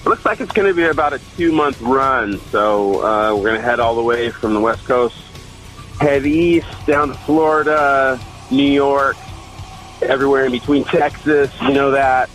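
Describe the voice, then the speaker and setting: A touring band member chats loosely in a casual interview, laid-back and full of fillers and restarts. His voice is mid-range and fairly bright, at a normal speed. Faint music plays behind a rough recording.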